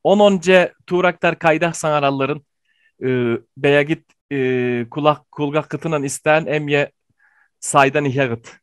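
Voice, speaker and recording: Guy teaching a language class online, kinda high voice, stops and goes uh a lot. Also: fairly even intonation, clear, resonant tone, no echo. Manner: explanatory, pausing with fillers.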